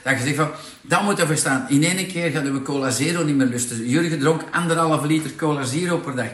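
A man with a Flemish accent presenting products in a casual, persuasive sales pitch, full of tag questions. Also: a little fast, fairly bright tone, roomy sound.

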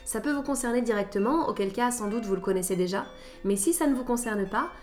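A woman's voice: fairly high pitch, quick pace, a little mellow, soft background music. A woman hosting a scripted podcast lesson, with a wry, playful teacher's tone. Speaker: podcast host.

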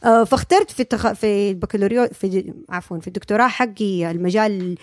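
A young Saudi woman, a speech-language pathologist, describes her field in a casual interview, using lots of fillers and English terms. Her medium-pitched voice has a darkish tone and a quick pace, and the recording is dry.

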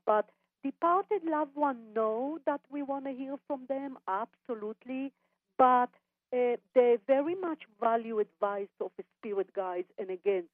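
A woman psychic medium heard over a phone line on a radio show, calling listeners darling and honey and pausing on fillers. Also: on the high side, no echo. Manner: calls people darling and honey, halting with fillers. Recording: tinny dry phone line.

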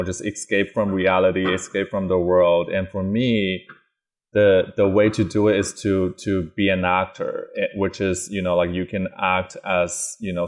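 A man's voice: sits low, a little mellow. A man on a film panel, a former actor, answering hesitantly with many fillers.

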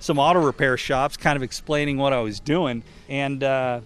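A man's voice: mid-range voice, steady tone, clear, resonant tone. Reflective police sergeant, man, interviewed. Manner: casual, reflective, halting retelling.

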